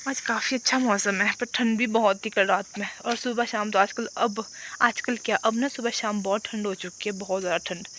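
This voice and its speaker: A woman's voice: mid-range voice, fairly even intonation, normal speed, a bit bright, slight background noise. A young woman chatting casually in a rambling vlog, speaking outdoors around a rural home and fields into a handheld phone. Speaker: vlogger.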